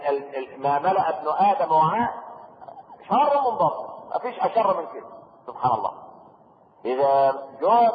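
An Egyptian man gives a sermon in a lively voice that sits fairly high, throwing out rhetorical questions and joking asides. The recording is tinny and lo-fi, with a long hall reverb and faint noise underneath. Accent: Egyptian Arabic. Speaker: preacher.

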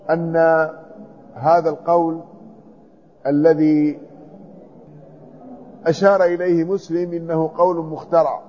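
A man teaching a hadith commentary lesson, reading a passage aloud and then explaining each word. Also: fairly high pitch. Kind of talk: classical text commentary lesson. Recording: dull lo-fi recording.

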